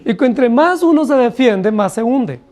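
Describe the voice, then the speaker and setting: A man's voice: extremely high pitch, animated, normal speed, darkish tone. A man with a Colombian Spanish accent, preaching a Bible study sermon in a church, often asking the congregation rhetorical questions and acting out quoted excuses. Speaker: pastor.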